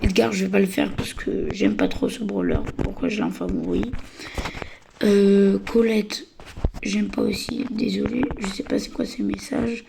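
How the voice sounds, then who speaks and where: Croaky, hesitant woman giving game tips. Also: medium pitch, background noise. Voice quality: slightly croaky voice. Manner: hesitant, stammering, many fillers. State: a little sick and tired. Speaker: gaming channel host. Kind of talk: casual gameplay tips.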